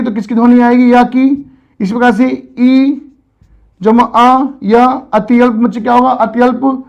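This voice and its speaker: A man with a very high-pitched voice gives an exam-prep grammar lecture. He works through examples step by step and keeps turning to his students with questions. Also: muffled recording. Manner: explains step by step, keeps addressing students as children. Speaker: teacher.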